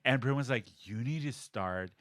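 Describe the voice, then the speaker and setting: A man hosting a podcast in casual chat, with animated, teasing banter. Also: mid-range voice, moderate pace, no room sound, studio quality. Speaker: podcast host.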